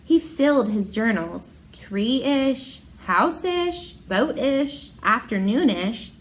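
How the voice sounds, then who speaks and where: This teacher speaks slowly in a fairly high voice as she reads a picture book to young children, addressing them directly. She sounds expressive and encouraging, though the audio is poor.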